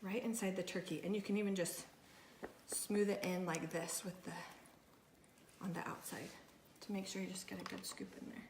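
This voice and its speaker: A woman's voice: mid-range voice, fairly even intonation, normal speed, long pauses, reverberant, background noise. A woman food blogger giving a casual cooking tutorial in her home kitchen, talking chattily while she works with her hands.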